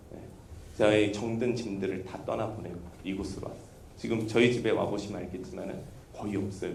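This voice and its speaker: A man's voice: mid-range voice, darkish tone, roomy sound, far from the mic, a little hiss or hum. A male pastor preaching a sermon in earnest, conversational tones, mixing teaching with personal asides.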